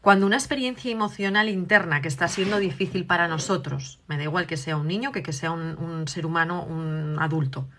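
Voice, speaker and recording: A woman from gives a parenting talk on video. Her voice is bright and forward. She explains patiently and keeps checking that her listeners are still with her. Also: on the low side, a little fast, few pauses, slight background noise. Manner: acts out parent and child dialogues. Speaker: parenting educator.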